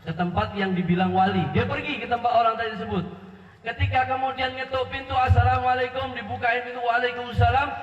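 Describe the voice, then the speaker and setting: High-voiced male preacher in an echoey hall. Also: fast talker. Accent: Pontianak Malay. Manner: animated, acts out characters, jokes with the audience. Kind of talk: sermon storytelling. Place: large hall at a religious gathering. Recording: echoey hall from far off, dull lo-fi.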